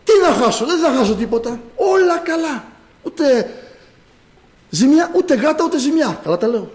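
A preacher voicing a smug, carefree worldly churchgoer in a mocking sing-song with laughing asides. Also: male voice, very high voice, sing-song, darkish tone, pitched above the performer's own voice, poor audio. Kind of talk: sermon parody.

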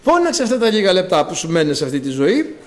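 Animated high-pitched male preacher. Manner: animated, acts out quoted voices, swings from loud to hushed. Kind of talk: sermon.

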